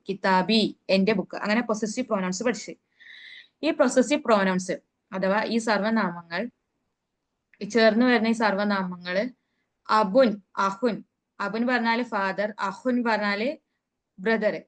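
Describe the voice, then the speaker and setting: A woman teaches an online grammar class over a call mic. She poses questions to her students and answers them herself, spelling out each vocabulary word slowly. Her voice sits at a middle pitch. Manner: recites Arabic words slowly. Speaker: Arabic teacher.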